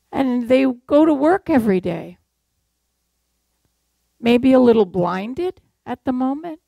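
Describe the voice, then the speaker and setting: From a church pulpit, an older Massachusetts woman preaches a sermon, telling stories conversationally and posing rhetorical questions to the congregation. Her voice is a little high, dark, and fried, with no room sound.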